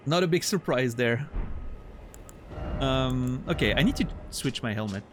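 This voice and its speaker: There's a slight hiss or hum behind this streamer's mid-range voice. He's a French-accented man, French his first language, casually talking through his gameplay, thinking out loud and answering chat with mock outrage for fun.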